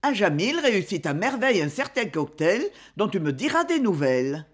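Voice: medium pitch, sing-song, moderate pace. A narrator voicing a worldly aristocratic father who speaks in a casual, amused, offhand way.

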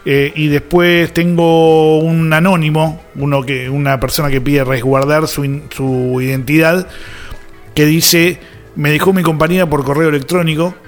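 Rioplatense male co-host, halting and filler-heavy, light music under him. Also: fairly high pitch, flat delivery. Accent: Rioplatense Spanish. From Argentina. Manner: hesitant with many fillers. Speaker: radio co-host. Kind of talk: casual radio chat.

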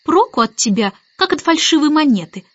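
A haughty nanny speaks in short, clipped lines full of disdain, played by a woman reading a storybook aloud. Her voice is a little high, and the recording is dry and slightly dull. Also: big pitch swings, normal speed, no echo. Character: haughty, sharp-tongued nanny.

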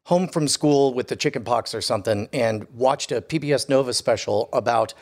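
Middle-aged man musing in halting chat. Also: mid-range voice, a little mellow. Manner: halting, restarts often, musing. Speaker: podcast co-host. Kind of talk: casual chat.

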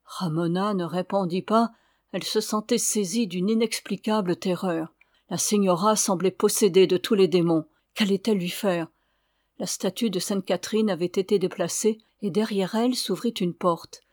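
A woman narrating a classic novel aloud in a measured, even reading voice. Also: mid-range voice, no echo, clean studio sound. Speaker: audiobook reader.

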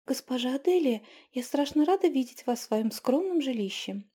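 A woman voicing a fawning, flustered innkeeper who gushes with lifted pitch. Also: lively intonation, normal speed, dark tone, husky. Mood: deferential. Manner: gushing, fawning, breathless.

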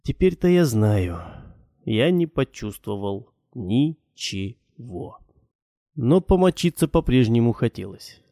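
A man reading a first-person audiobook in a measured, matter-of-fact way. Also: mid-range voice, big pitch swings, dark tone, no echo, clean studio sound. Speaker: audiobook narrator.

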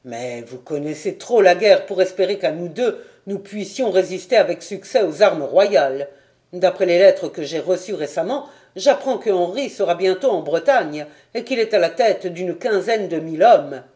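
A woman voicing a weary, stern nobleman commander in a storybook reading, speaking gravely and with reproach. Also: lowish voice, lively intonation, moderate pace, dark tone, natural voice.

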